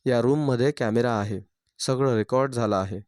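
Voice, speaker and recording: A man voicing a young bride wrongly accused of theft, speaking quietly and firmly in a dry recording. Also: mid-range voice, normal speed, dry recording, lightly acted. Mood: firm calm. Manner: quiet, firm, composed.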